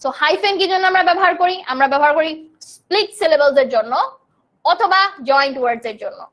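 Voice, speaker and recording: A young Bangladeshi woman runs a live online English grammar class in a high, clear voice that is fast and fairly bright. She patiently explains each term in Bengali and reads student comments aloud, answering them as they arrive.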